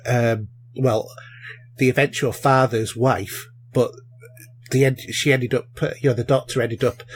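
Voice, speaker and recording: A man's voice: medium pitch, a little hiss or hum. Rambling man in casual chat. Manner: rambling, many fillers and restarts. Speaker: podcast co-host. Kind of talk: casual chat reviewing films and shows.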